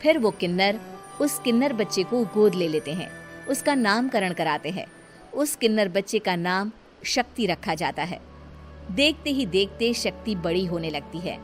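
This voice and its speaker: A woman tells a horror story in a scripted, dramatic style, with her voice sitting in a middle pitch. Light background music plays beneath the narration. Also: lively intonation, normal speed.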